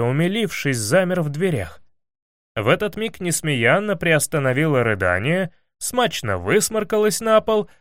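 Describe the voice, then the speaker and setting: Male narrator, comic fairy tale, wry, expressive, dry close sound. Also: fairly high pitch, no echo.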